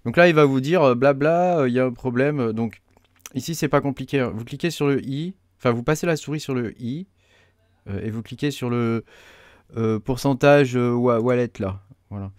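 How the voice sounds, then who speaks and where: A man talking through a software setup tutorial, hesitant with many fillers as he clicks along. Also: mid-range voice, moderate pace, no room sound, studio quality. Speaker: crypto mining tutorial host. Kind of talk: casual screen-recorded tutorial.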